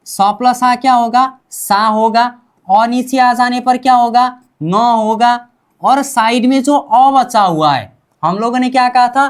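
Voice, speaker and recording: A fairly high-pitched woman takes a class through a language lesson. She drills each sound slowly, asks her own questions and answers them in the same breath. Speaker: Korean language teacher.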